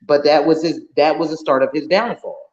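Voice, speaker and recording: A man's voice: fairly high pitch, a little fast, darkish tone, dull audio. A man in a casual podcast chat, outspoken and blunt, who swears freely. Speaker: podcast guest or co-host.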